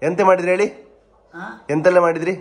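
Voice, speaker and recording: A young man, teasing his family with rapid questions in a playful vlog chat. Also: high-pitched, flat delivery. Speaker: vlogger interviewing family members.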